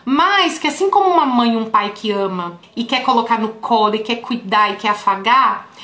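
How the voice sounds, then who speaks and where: Woman therapist chatting to her viewers, kinda high voice, echoey room. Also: expressive, moderate pace, bright, forceful tone. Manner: talks straight to viewers, often saying "folks". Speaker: therapist teaching other therapists. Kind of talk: casual teaching through a patient story. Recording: roomy echo.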